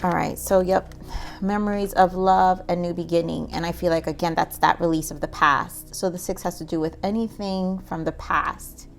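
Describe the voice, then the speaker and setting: Low gravelly woman doing a tarot reading. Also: steady tone, normal speed, soft background music. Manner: musing, says "like" and "um" often, talks to spirit while pulling cards. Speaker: tarot reader.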